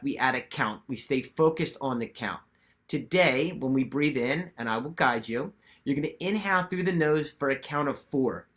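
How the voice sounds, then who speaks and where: A man giving guided meditation instruction to viewers in a gentle, reassuring and measured way. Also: medium pitch. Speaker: meditation teacher.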